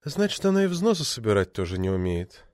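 A man doing a sarcastic, creaky wife. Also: on the low side, big pitch swings, brisk, darkish tone, dry recording, pitched below the performer's own voice. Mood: scornful. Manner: dry, creaky, contemptuous. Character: suspicious, sarcastic wife, cold and scornful.

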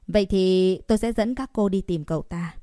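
A woman voicing a wary, hunched old grandmother who speaks slowly and guardedly. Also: medium pitch, dark tone, no room sound, studio quality, lightly acted. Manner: guarded, slow, repetitive.

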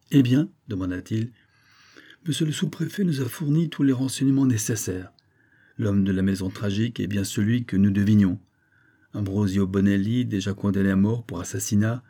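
A man narrating a classic novel aloud, shifting his pitch and loudness to voice each character. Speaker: audiobook reader. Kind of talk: scripted narration with voiced dialogue.

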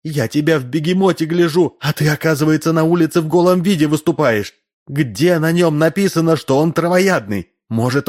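A man voicing a shrill, scolding middle-aged housewife in a storybook reading. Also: slightly rough, exaggerated voice. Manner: shrill, scolding, high put-on voice. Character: shrill startled housewife Ksenia, woman.

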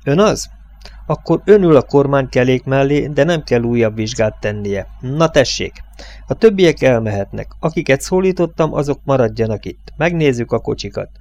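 A man doing a gruff old oil boss. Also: medium pitch, lively intonation, a little mellow, close to an everyday voice. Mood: brusque. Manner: curt, commanding.

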